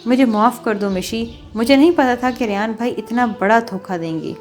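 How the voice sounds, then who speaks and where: A caring young woman from an audio novel, soothing her friend, voiced by a woman reader. Her voice sits a little high and sounds calm and reassuring. Faint music runs underneath. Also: natural voice.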